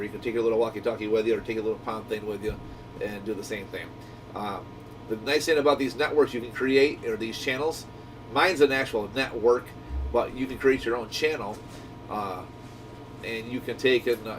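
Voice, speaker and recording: Picked up by a distant mic over a noisy, rumbling low hum, a man chats his way through a product review. His delivery is casual, rambling, and enthusiastic, like a shop owner speaking to his viewers.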